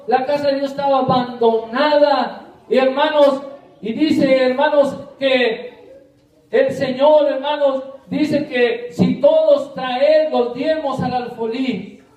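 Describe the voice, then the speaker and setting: A man's voice: very high voice, a little mellow, highs cut off. A man preaching a sermon, calling his listeners brothers over and over and stretching his words out for emphasis. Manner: repeatedly addresses listeners as brothers, drawn-out emphatic delivery. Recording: echoey room, voice from a distance.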